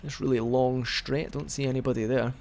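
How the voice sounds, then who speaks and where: A man's voice: medium pitch, fairly even intonation, a little fast, gravelly, a little mellow. Young guy rambling through a game, lots of restarts, hiccups, faint game noise behind. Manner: chatty and rambling, with frequent restarts. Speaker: let's play commentator. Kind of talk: casual gameplay commentary.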